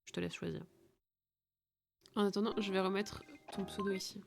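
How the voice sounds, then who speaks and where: A woman's voice: medium pitch, flat delivery, moderate pace, slight background noise. Tired, playful woman streamer. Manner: playful, chatty, teasing. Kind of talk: casual live-stream game chat.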